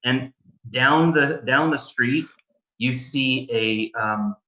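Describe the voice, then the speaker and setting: A man narrating a tabletop game as game master, improvising and pausing mid-phrase. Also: mid-range voice, bright, forceful tone. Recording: echoey room.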